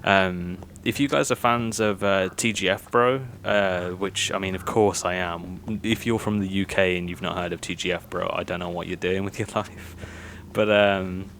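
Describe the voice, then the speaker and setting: A young Birmingham-born gaming YouTuber talks through his gameplay in a low, steady, slightly bright voice at an ordinary speed, with a mild Birmingham accent. His casual commentary is self-conscious and heavy with fillers and nervous laughs, and there's a little background noise.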